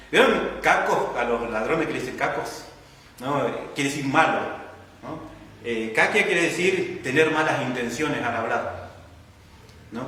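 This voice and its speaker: A man preaches a sermon with an Argentine accent, his medium-pitched voice sharp in tone. Teacherly and patient, he asks the congregation questions and tags his lines with "¿no?"; the recording comes from a distance in an echoey church hall.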